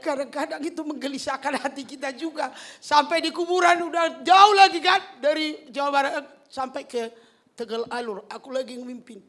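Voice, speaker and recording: A woman's voice: high voice, fairly even intonation, fairly quick, a bit bright. A woman pastor with a Medan accent, preaching a sermon through humorous stories that often make her laugh. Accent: North Sumatran (Medan). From Medan, North Sumatra.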